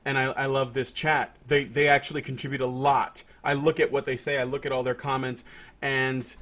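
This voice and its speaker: In a casual podcast chat, a man from Puerto Rico speaks at medium pitch and a moderate pace, his delivery flat but his tone fairly bright. His talk meanders with frequent restarts and fillers.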